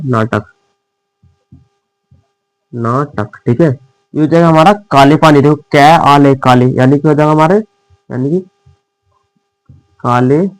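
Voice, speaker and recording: A male teacher explains shorthand in a classroom-style lesson, repeatedly quizzing his students, whom he fondly calls dear children, and answering his own questions. His voice is a little high, and the recording is dry and rough.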